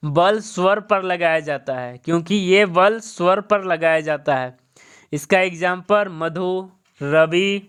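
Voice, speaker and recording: A man's voice: high-pitched, a bit bright, smooth. A man teaching an exam-prep grammar lesson, who repeats each point, asks questions and answers them himself, and keeps saying "okay" as a check-in.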